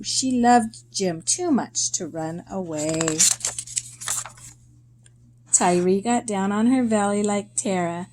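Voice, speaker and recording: Short phrases and pauses shape this woman's deliberate, expressive reading of a children's story, done in a mid-range voice.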